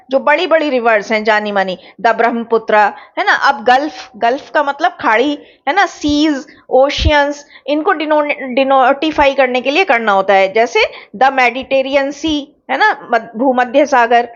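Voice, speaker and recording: A woman with a high voice and an Indian accent teaches English grammar in an online exam-prep lecture. She explains each point slowly and keeps checking that her students follow. The recording sounds a little dull and lo-fi.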